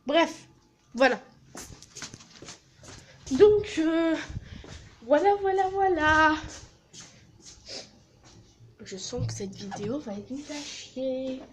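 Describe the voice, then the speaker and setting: Speaking slowly with long pauses, a teenage girl vlogs from a small office in an animated, high voice. She tours her work placement with crude jokes and frequent swearing, and the recording has a little hiss or hum.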